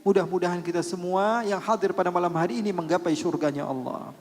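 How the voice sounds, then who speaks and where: Male preacher, high voice, animated sermon storytelling, long hall reverb. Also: fast talker. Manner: animated storyteller, urging and earnest. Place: large hall at religious gathering.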